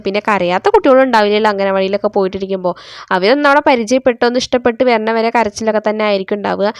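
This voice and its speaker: A young mother from Kerala, India, speaks in a medium-pitched voice with no echo, narrating her family's day in a chatty vlog voice-over. She often tags sentences with "you know," recording indoors near a road with passing traffic.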